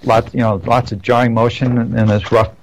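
A man's voice: medium pitch, level tone, a little fast, poor audio. A man chatting casually on a podcast, rambling through stories with many restarts and self-corrections. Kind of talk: casual chat.

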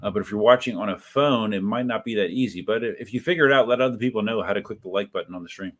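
A livestream host with a lowish voice races through casual chat after a few drinks. He rambles, corrects himself, and reads viewers' messages while addressing them by name.

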